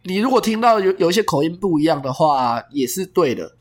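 This is a Taiwanese-accented podcast co-host with a clearly stuffy, nasal voice. The delivery is casual and lively in pitch, moving between chat and patient explanation of pronunciation. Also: a little fast. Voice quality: stuffy nose, congested nasal sound. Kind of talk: casual chat and language teaching.

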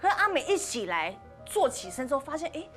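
A woman with a Taiwanese Mandarin accent hosts a podcast and tells a ghost story in a casual, chatty way. Her voice sits a little high, and her pitch rises and falls a great deal as she acts out the characters' lines. Faint music plays under her. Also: sing-song, fast talker, fairly bright tone. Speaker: podcast host.

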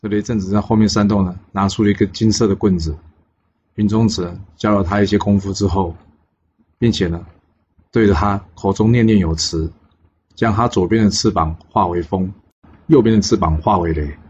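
A man telling a legend as a storyteller, lively and full of pause fillers, in a lowish voice. The recording is dull and lo-fi. A faint hiss sits underneath. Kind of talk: storybook narration.

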